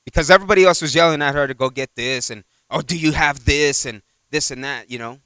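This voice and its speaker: A man's voice: fairly high pitch, fast talker, a bit bright, clean tone, dry recording. A man preaching a conversational sermon in a church, rambling through retold exchanges and peppering his talk with "you know.".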